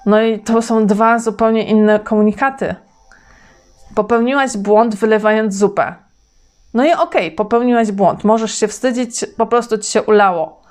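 A woman hosting a self-help talk for women, speaking slowly and deliberately and addressing the listener directly. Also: fairly high pitch, fairly even intonation, a little mellow. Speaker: self-help channel host.

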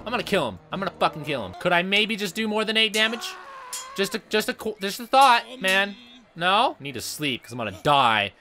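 A young man hosting a let's play, commentating loudly and excitably and swearing often at the game. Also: high voice. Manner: loud, profane, excitable, yells at the game. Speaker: gaming channel host.

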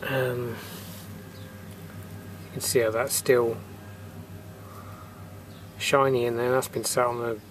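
A slow, flat, mid-range male voice with long pauses comes through a little hiss or hum. The speaker, a refrigeration technician outdoors in a yard, casually explains what he's showing on a camera mic, matter-of-fact and thinking aloud with fillers.

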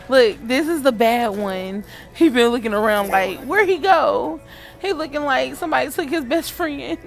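A woman filming a casual vlog in a pet store on a handheld phone, giggling and cooing at the animals while she talks to her viewers. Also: high-pitched. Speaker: vlogger.

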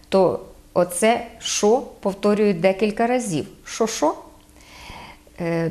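A woman from Podillia speaks with a Podillia Ukrainian accent, her voice sitting at an ordinary middle pitch. She explains dialect features in a halting way, filling pauses with drawn-out sounds and slowing down to set word pairs side by side. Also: darkish tone. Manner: hesitant, frequent "e" fillers, spells out sounds slowly. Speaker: guest explaining local dialect.

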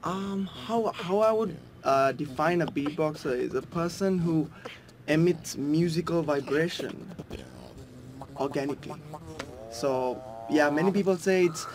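A beatboxer in his twenties explains his craft in casual interview talk, easygoing and full of fillers and restarts. His voice is a little high and darkish, his pace unhurried, with a bit of hiss or hum in the recording.

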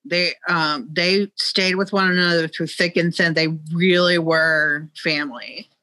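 Middle-aged woman museum guide, bright voice, lots of ums, dry webcam sound. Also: on the low side, fairly even intonation, measured pace, no echo. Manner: knowledgeable, hesitant with frequent ums. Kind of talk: video call interview. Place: museum exhibit room, indoors. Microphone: video call, webcam.

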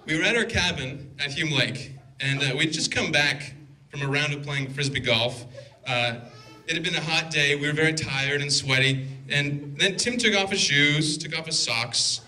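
The recording is low quality, capturing a man in his twenties whose voice runs on the high side with a sharp edge, at normal speed. As best man, he reads a dry, teasing toast from notes into a handheld microphone. Guests laugh in the indoor reception hall.

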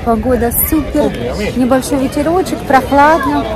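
A woman's voice: sits high, normal speed, crowd noise. A young woman chatting casually to her vlog followers in short, affectionate phrases, recorded outdoors with wind on the mic. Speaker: family travel vlogger. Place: outdoors at a seaside resort. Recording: windy outdoor recording with loud ambient noise. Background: wind, people and street noise.

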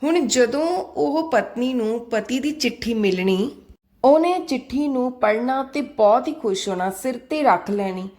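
Woman, fairly high voice, gentle earnest storyteller, measured devotional teaching. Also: lively intonation. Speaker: religious storyteller.

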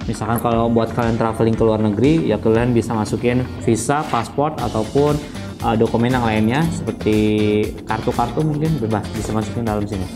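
A man in his thirties giving a casual product review, chatty and slangy, pausing with fillers as he handles the item. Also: mid-range voice. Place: studio with dark curtain, seated at table. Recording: voice over clear guitar music. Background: background guitar music.

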